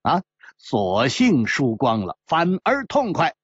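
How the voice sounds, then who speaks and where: A storyteller doing a brash young swordsman at the gambling table, his voice leaping wildly up and down, loud and reckless. The recording is slightly muffled and dry, with a husky edge to the voice. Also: fairly high pitch, huge pitch swings, slow, no echo, heavily acted. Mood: cocky, reckless. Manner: loud, laughing, devil-may-care. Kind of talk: storyteller acting out dialogue.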